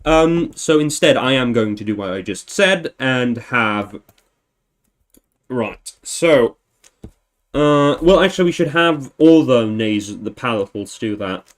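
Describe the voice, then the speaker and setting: An unhurried man hosts a livestream, thinking aloud in a casual way. His voice sits at a middle pitch, and he meanders, correcting himself and chuckling as he goes. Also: expressive. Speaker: livestream host.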